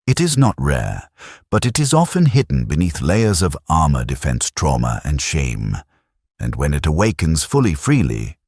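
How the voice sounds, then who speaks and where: A man's voice: very deep voice, breathy edge, no room sound, studio quality. A man giving scripted narration in a solemn, meditative delivery.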